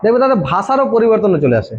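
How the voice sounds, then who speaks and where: High-voiced teacher quizzing his class. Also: sing-song, racing. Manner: quizzes students constantly, answers his own questions. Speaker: exam coaching teacher. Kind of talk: informal classroom lecture. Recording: dull lo-fi recording.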